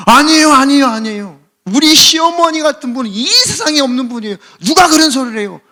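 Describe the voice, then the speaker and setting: A man's voice: very high voice, animated, fast, pushed and bright, pitched above the performer's own voice, exaggerated voice. A man acting out a flustered young daughter-in-law who fussily protests, in a raised voice during a sermon.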